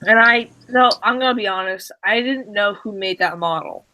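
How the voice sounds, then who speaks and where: A man co-hosting a stream, telling a casual story with many restarts and fillers, and acting out the dialogue with excitement. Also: sits high, normal speed, rough recording. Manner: acts out quoted dialogue excitedly. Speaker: stream co-host.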